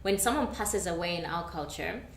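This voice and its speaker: A woman's voice: on the low side, expressive, normal speed, echoey room, a little hiss or hum. A woman hosting a casual group chat, agreeing often and sharing her own views. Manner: agreeable, frequent affirmations. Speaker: host.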